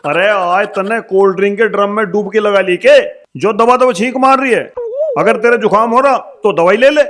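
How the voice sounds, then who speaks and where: A man playing a rough, scolding husband in a village comedy sketch. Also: high-pitched, normal speed, a bit bright. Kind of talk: rustic comedy acting.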